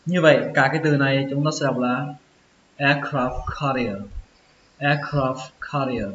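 A man giving a pronunciation lesson, sounding out each word slowly and repeating it several times. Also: mid-range voice, fairly even intonation, a bit bright. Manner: slow, drawn-out repetition of words. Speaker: English teacher. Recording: echoey, dull lo-fi with faint hiss.

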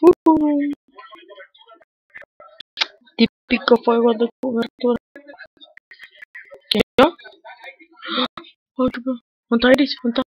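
A man with a Mexican accent giving casual gameplay commentary over a headset, muttering quietly to himself in slang with sudden excited outbursts. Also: very high-pitched, takes it slowly, long pauses, husky, no room sound, lo-fi sound. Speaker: gamer.

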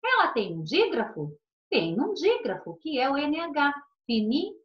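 A Brazilian woman teaches young children in a patient, sing-song way, her fairly high voice rising and falling. The recording sounds muffled and lo-fi. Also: wildly swooping pitch, measured pace. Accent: Brazilian Portuguese. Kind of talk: online class lesson.

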